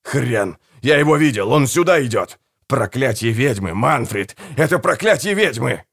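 A man voicing Hegel, an anxious, violent-tempered grave robber who snarls and shouts in an audiobook. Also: medium pitch, lively intonation, normal speed, creaky, breathy edge, full character voice. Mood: frantic.

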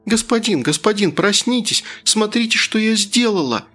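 A man voicing an excitable young servant woman who talks high and breathless. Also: very slow, husky, faint music behind, heavily acted. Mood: excited. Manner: high, breathless, earnest pleading.

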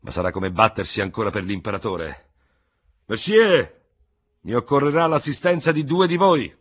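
A man voicing a proud, embittered old male cavalry general who blusters and speaks dogmatically, in a husky voice. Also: extremely low pitch, moderate pace, heavily acted. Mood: indignant.

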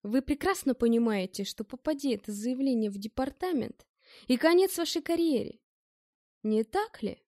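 A cold male interrogator who presses his accusations slowly and insinuatingly, as a woman reads him in an audiobook. The voice sits a little high and dry, close to the mic. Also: animated, warm tone, no echo. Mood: accusing.

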